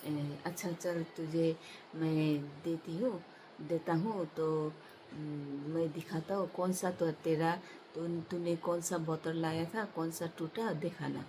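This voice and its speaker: A woman's voice: sits low, fairly even intonation, takes it slowly, noisy background. A woman voicing a generous roadside god in a spoken comic folk tale. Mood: kindly. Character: generous roadside god, kindly, quick to anger.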